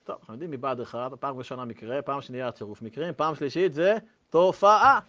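A man telling a story to listeners in a lively, animated way, in a dull lo-fi recording. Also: medium pitch. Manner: lively, acts out voices.

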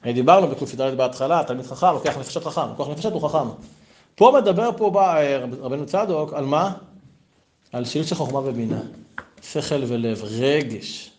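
A middle-aged rabbi teaches a Torah class filled with stories and rhetorical questions, his voice leaping high on the points he stresses. His tone is a little mellow.

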